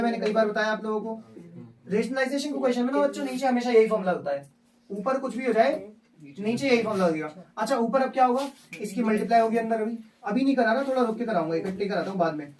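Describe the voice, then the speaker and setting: A man's voice: very high voice, fast, darkish tone. A male maths teacher giving a live lesson in a classroom, walking through each step aloud and repeatedly quizzing his students. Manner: repeats steps, asks class questions. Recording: distant from mic.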